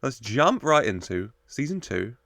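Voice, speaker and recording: A man's voice: mid-range voice, big pitch swings, unhurried, gravelly, fairly bright tone, no echo. A man giving casual, jokey reaction commentary as a show host. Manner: jokey, chuckles often while talking.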